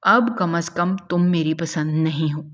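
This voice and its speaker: A woman's voice: deep voice, in a large hall, close to an everyday voice. A woman voicing a domineering young man who mocks and threatens a captive woman in a spoken story. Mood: menacing. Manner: mocking, menacing and possessive.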